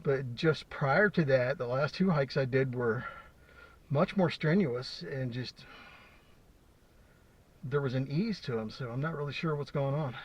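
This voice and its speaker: A man's voice: medium pitch, slightly rough, highs cut off. Winded man vlogging on a hiking trail. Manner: chatty, pauses with fillers. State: out of breath. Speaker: hiker vlogger. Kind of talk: casual vlog while hiking. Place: outdoors on a mountain trail. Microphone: handheld camera.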